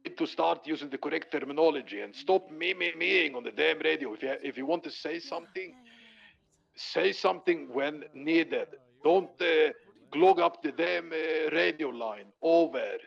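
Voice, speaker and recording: A man's voice: on the high side, moderate pace, creaky, dull audio. A man playing a stern deputy in a game roleplay, lecturing others on proper conduct. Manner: stern, lecturing about radio etiquette.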